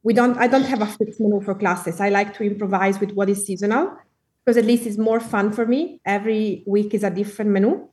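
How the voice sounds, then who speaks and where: A woman with an Italian accent talking as an interview guest, relaxed and friendly with easy laughs. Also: mid-range voice, a little fast, recorded from a distance. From Italy. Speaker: guest cookbook author. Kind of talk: casual interview chat.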